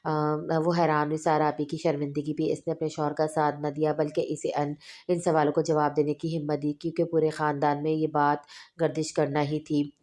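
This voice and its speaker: A woman narrating a novel aloud in a steady, measured reading with small restarts. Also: low voice. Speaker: novel reader. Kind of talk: audiobook narration.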